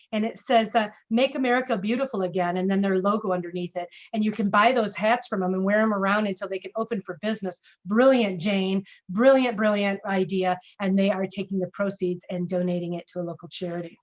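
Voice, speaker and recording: A middle-aged woman teaching customer service in a casual webinar, lively and conversational, acting out sample lines. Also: mid-range voice, dull audio. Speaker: speaker and customer service trainer.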